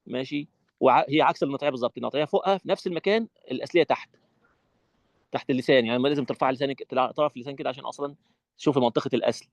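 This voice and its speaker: A man with an Egyptian Arabic accent teaching Quran recitation rules in an online training session, animated and demonstrative. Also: mid-range voice, very fast, creaky, no echo. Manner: animated, demonstrative, acts out his classroom.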